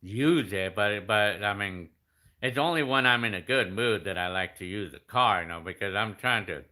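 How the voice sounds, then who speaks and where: A man's voice: on the low side, normal speed, pushed and bright. A fifty-year-old man chatting casually as he reads out viewer comments, rambling with many restarts and fillers. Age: 50s. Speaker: YouTube creator answering comments.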